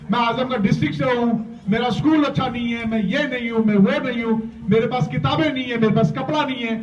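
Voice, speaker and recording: A man's voice: very high-pitched, a little hiss or hum. A man giving an emphatic motivational talk at a school, getting the students to repeat his lines after him. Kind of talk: motivational talk with call-and-response. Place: school gathering with many students. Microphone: handheld or stage mic. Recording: echoey, distant, dull sound with crowd.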